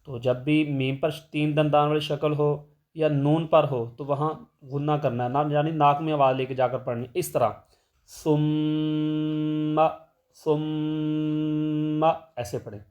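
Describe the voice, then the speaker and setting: A man teaching tajweed, explaining rules plainly and then reciting verses in a slow melodic chant. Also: on the high side, steady tone, darkish tone.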